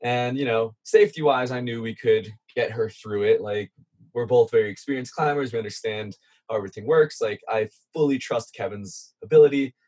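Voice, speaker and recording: A man's voice: mid-range voice, fairly quick, a little mellow. A man casually telling an adventure story as a guest, chatty and self-deprecating, with plenty of fillers. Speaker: guest content creator.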